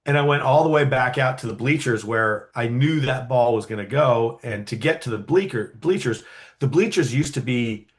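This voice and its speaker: A man telling a story casually in an interview, animated, with many fillers and quick acted-out quotes. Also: medium pitch. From California, USA. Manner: animated, acts out quoted voices, frequent fillers. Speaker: guest storyteller.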